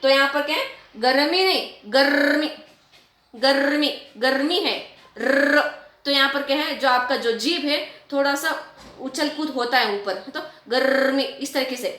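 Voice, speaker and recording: A woman teacher explaining a writing lesson to children, repeating and stretching out example words slowly. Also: high voice, bright, forceful tone, roomy sound. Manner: repetitive, drawn-out word demonstrations, addresses children often.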